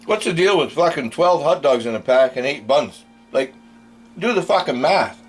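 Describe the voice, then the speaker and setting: A man's voice: a little high, lively intonation, normal speed, slightly rough, soft background music. A man giving a casual, unscripted food review in blunt, crude, rambling, drunken-sounding talk, swearing constantly.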